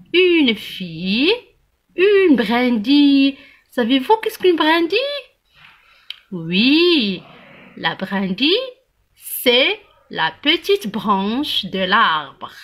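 A woman teaching young children to read, spelling out letters and syllables slowly and praising the class often. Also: on the high side, a bit bright. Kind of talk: early reading lesson for young children.

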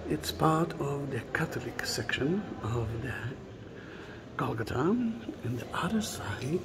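A middle-aged man giving an unhurried walking tour of a large stone church, musing aloud and often dropping to a hushed whisper. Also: medium pitch, big pitch swings, background noise. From Israel. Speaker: tour guide. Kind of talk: walking video tour narration.

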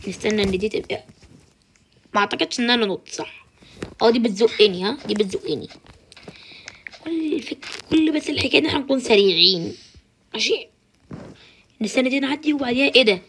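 A woman with an Egyptian Arabic accent giving chatty, excitable let's-play commentary, talking back to the game and crying out in alarm. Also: fairly high pitch, quick pace, pauses often, a little hiss or hum. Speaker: gaming channel host.

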